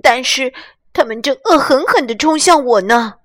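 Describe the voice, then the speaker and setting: A woman doing a shrill scared little bunny boy. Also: lively intonation, normal speed. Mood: frightened. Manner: high, shrill, pleading child voice. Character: frightened little boy bunny, anxious child.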